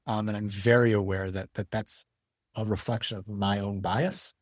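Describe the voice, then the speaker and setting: A man speaking as a guest educator in an interview, thoughtful and measured. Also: lowish voice, fairly even intonation, dry recording, studio quality. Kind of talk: reflective interview talk.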